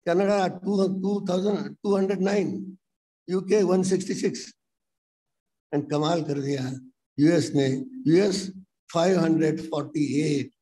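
Older man lecturing slowly, dark voice. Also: sits high, fairly even intonation, rough recording. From India. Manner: reads English lines slowly, then explains them in Marathi. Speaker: guest speaker to medical students. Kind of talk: motivational lecture. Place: college lecture hall.

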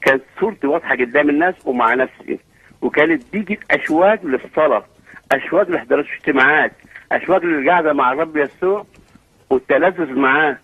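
A man's voice: a little high, fast, slightly rough, dry recording, narrow, tinny audio. A man from Egypt with an Egyptian accent, calling in to share a personal testimony earnestly and quoting scripture. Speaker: caller.

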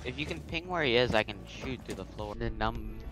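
Male gamer, casual teasing banter with a friend, middling pitch, clear game music underneath. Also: animated, a little fast, rough recording. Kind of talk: casual gaming chat with a friend.

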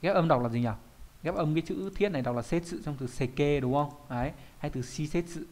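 A man's voice: fairly high pitch, a little fast, a little mellow. Man teaching a lesson. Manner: poses quiz questions and answers them himself. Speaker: Japanese kanji teacher. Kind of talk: explaining an online kanji lesson.

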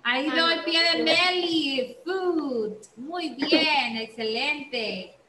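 A woman teaching an online class over a video call, patient and encouraging, repeating words slowly. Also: high voice, crowd noise. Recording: roomy video call with background hiss.

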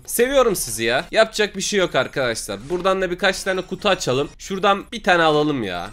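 A man hosting a gaming channel, chatting casually and excitably over his gameplay and quickly venting his frustration. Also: a little high.

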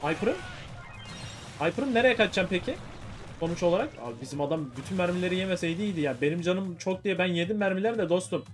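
A man giving excitable, chatty commentary on his own gameplay, talking to viewers and teammates. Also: high-pitched, fast, soft background music. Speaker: gaming YouTuber.

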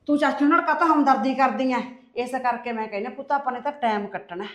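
Casting: woman as scheming, confiding mother, high voice, roomy echo. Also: quick pace, muffled recording, lightly acted. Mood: coaxing. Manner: coaxing, confiding, calls him "putt". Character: scheming mother, coaxing her son.

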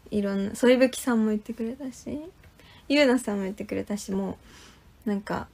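A young woman in a casual livestream chat, speaking haltingly and trailing off softly at the ends of phrases. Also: fairly high pitch, gravelly. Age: young adult. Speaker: idol group member, livestreamer. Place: small indoor room with curtains.

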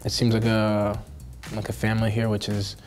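Twenties male athlete from Costa Rica, halting interview delivery, flat low tone, light music bed. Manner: hesitant, many fillers and restarts. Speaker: professional soccer player. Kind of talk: sit-down interview answers. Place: indoor studio backdrop.

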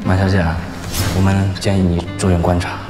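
A man acting a serious, measured young hospital doctor in a television drama. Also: low-pitched, completely flat delivery, close to an everyday voice. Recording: echoey room with loud music.

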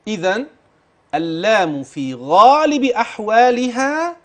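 Egyptian guy teaching tajweed, fairly high voice, keeps quizzing you and drags out the example words. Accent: Egyptian Arabic. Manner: patient, questioning and drilling the listener; stretches words slowly when reciting examples. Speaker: Quran recitation teacher. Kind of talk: tajweed lesson, modelling recitation.

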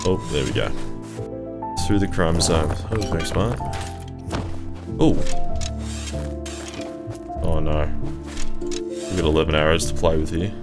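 A young man, profane and animated, commentating his own gameplay and telling stories. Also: rumbling low, slow pace, pauses often. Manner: profane, swears freely, animated storytelling. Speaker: gaming YouTuber. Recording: background music in the mix.

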